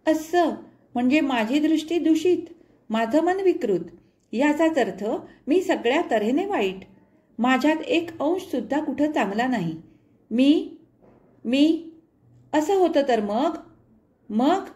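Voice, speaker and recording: A woman voicing a proud, quick-tempered young wife who answers back sharply. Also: sits high, voice pushed up, close to an everyday voice. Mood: tearful. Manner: sharp, indignant retorts.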